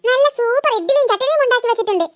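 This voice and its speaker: A woman's voice: very high voice, expressive, racing, no echo, dull audio. A woman voicing a harried young mother in a cartoon, scolding and complaining. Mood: chatty. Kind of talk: cartoon voice acting.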